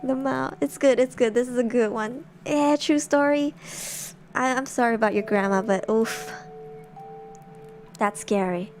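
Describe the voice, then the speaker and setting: A woman with a high, light voice chats casually as she streams from her bedroom. She talks in a jumpy, giggly way, and faint music plays softly behind her. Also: measured pace, long pauses. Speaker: streamer reading horror stories. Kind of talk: casual livestream chat.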